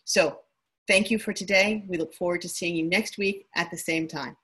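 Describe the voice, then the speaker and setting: A woman hosting an online pitch competition, speaking politely and formally as she thanks judges and sponsors and announces winners. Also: fairly even intonation, moderate pace, a bit bright, slightly rough. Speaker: event host.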